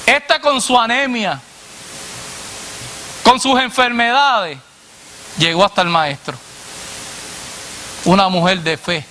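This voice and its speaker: A man preacher delivering a sermon to a congregation, asking "what?" and answering himself in a lower voice, addressing listeners as brother. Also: fairly even intonation, slow, long pauses, sharp tone, a little hiss or hum. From Latin America. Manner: call-and-response questions, dropping low on the answer.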